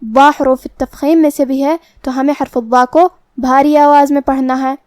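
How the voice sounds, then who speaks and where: A woman with a high, clear voice teaches Quran recitation rules and explains each letter's pronunciation step by step. The recording is dry and close, with no room sound. Her delivery is patient and careful, like a teacher's. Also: fairly even intonation, darkish tone, dry recording. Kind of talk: tajweed lesson with slow recitation.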